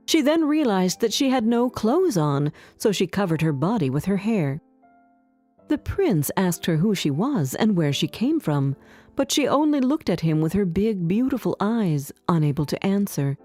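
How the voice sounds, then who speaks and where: Woman reading a fairy tale aloud, low mellow voice, lively and clear, soft music behind. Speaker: story narrator. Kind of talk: scripted storybook narration for English learners.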